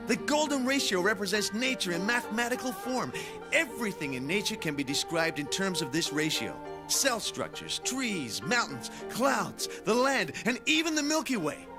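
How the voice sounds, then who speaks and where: An actor playing a passionate, idealistic math teacher in a dubbed drama, lecturing earnestly and theatrically over music. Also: male voice, high voice, very animated, normal speed. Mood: impassioned.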